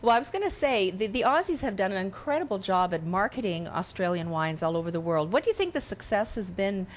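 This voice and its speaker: A woman's voice: medium pitch, very animated, quick pace. A Canadian woman co-hosting a talk show, upbeat and welcoming. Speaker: co-host.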